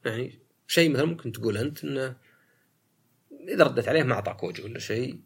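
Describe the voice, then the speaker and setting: A man's voice: mid-range voice, expressive, rapid-fire, vocal fry, slightly rough. A man hosting a solo talk podcast, arguing his point and mimicking other people's lines. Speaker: podcast host.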